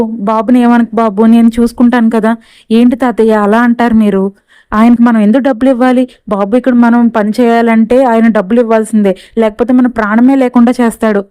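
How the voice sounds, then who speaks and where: A woman voicing a weary, humble old male laborer who pleads slowly for his job. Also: on the high side, fairly even intonation, mellow, clean tone, dry recording, close to an everyday voice. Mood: pleading.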